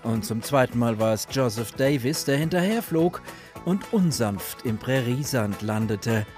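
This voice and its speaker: A man reading a humorous Wild West story for radio, playful and lively, giving characters their own voices. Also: medium pitch. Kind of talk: scripted storytelling narration. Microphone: studio microphone.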